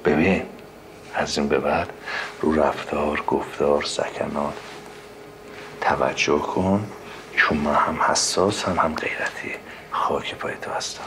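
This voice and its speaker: A pushy young suitor over hiss. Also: male voice, rumbling low, steady tone, pauses often. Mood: soft. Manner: bold, insistent, lecturing. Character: cocky young male suitor, pushy and preachy. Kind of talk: comic screen acting. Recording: noisy background hiss.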